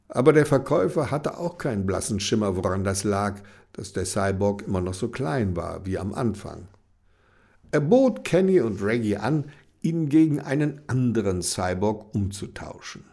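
A man reading a children's story aloud in a lively, expressive way. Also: lowish voice, slightly rough.

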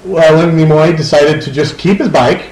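A man co-hosting a casual podcast chat, talking haltingly with lots of fillers and restarts. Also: on the high side, darkish tone, roomy sound, rough recording. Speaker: podcast co-host.

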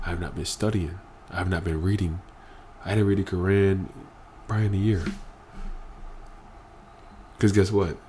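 A man with a very low, deep voice talks earnestly as a podcast guest, hammering points home by repeating phrases. He is still emotional after crying. A faint hiss sits under the recording. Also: fairly even intonation, moderate pace, pauses often, dark tone. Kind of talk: emotional candid conversation.

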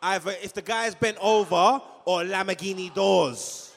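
London roadman host, high voice, echoey hall. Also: unhurried, vocal fry, a bit bright. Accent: London, urban street slang. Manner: London roadman slang, insistent, repetitive. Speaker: host of a live comedy show. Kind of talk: rowdy comic crowd banter. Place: live venue stage. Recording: echoey hall, long reverb.

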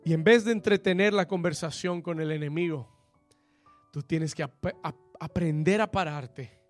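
A man preaching a sermon, repeating phrases in English and building to shouted calls for the congregation to repeat. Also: fairly high pitch, normal speed, soft background music.

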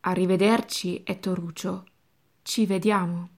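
A woman reading the words of a tired, bent old friar who speaks softly and humbly to his nephew. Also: lowish voice, steady tone, unhurried. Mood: gentle. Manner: soft, tender, humble.

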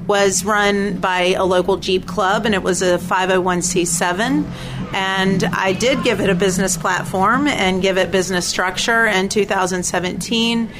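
Female nonprofit executive giving an interview at a racetrack, mid-range voice over clearly audible ambience. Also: mid-range voice, background noise. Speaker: interview guest, nonprofit CEO. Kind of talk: enthusiastic explanatory interview talk. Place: at a speedway during race events.

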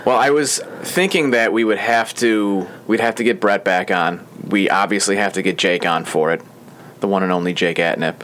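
Recorded with a bit of hiss or hum, a young man with a low, fairly bright voice hosts a podcast from a small studio. He speaks at a normal speed, chatting loosely and rambling with plenty of filler words.

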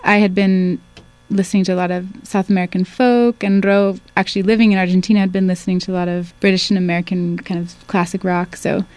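A woman musician chatting casually as a guest in a radio studio interview, relaxed and talkative. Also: on the low side, quick pace, few pauses, no room sound. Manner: chatty, relaxed, with small laughs and restarts. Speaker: singer and band founder, guest.

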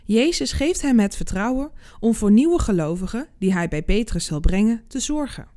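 A woman hosting a devotional podcast, reading a Bible passage and reflecting on it in a calm, measured way. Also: a little high.

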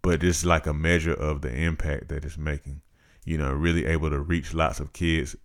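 A man in his thirties co-hosting a podcast, talking in a measured, reflective, casual way. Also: very deep voice, little pitch movement. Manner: measured, reflective, practical-minded. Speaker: podcast co-host. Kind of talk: casual chat.

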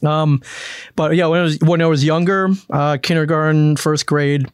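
A man from the American Midwest, a guest in a casual conversation, telling a story with frequent restarts and lively quoted lines. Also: fairly high pitch, normal speed, clean tone, dry recording, clean studio sound. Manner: storytelling, restarts often, animated when quoting.

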